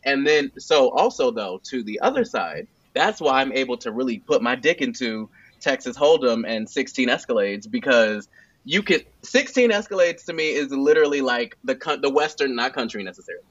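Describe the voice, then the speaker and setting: A man's voice: medium pitch, lively intonation, normal speed, fairly bright tone, dry recording. An American man chatting casually with friends in an emphatic, slangy, sassy way. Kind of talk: casual group chat. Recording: slightly dull, lo-fi audio.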